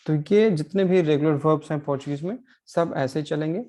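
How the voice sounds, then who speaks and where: A man's voice: on the high side, dark tone. Patient man teaching a class. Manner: patient, repeats and explains slowly with many fillers. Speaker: Portuguese language teacher. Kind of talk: online class lecture.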